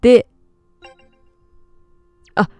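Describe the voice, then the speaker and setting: Loud excitable girl gamer commentating, kinda dark mellow voice, dry close mic. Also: drawn-out words, no room sound, soft background music. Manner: excitable, loud, laughs often. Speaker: game streamer. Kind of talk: let's play commentary.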